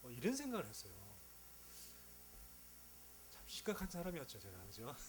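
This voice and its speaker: A man preaches a sermon in a conversational, joking manner, often asking rhetorical questions. His pitch moves up and down in a lively way, and a faint hum runs underneath. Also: normal speed. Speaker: pastor.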